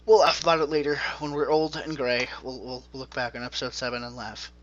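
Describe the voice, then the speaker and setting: A man's voice: mid-range voice, level tone, quick pace, a bit bright, a little hiss or hum. A man hosting a casual gaming podcast over a conference call, chatty and explaining at length. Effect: conference call line. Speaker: podcast host. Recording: dull lo-fi call audio.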